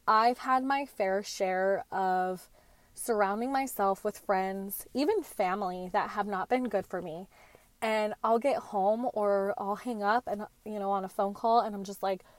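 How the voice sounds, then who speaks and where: Alone on her podcast, a woman in her late twenties chats earnestly and throws in slangy side comments. Her mid-range voice is unhurried. No room sound is audible.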